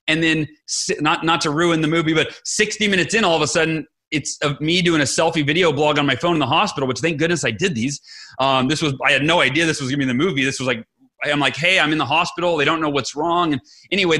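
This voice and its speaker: Bright-voiced man telling his story. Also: fairly high pitch. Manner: enthusiastic, quotes others' speech often. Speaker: interview guest. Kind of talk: animated storytelling in conversation.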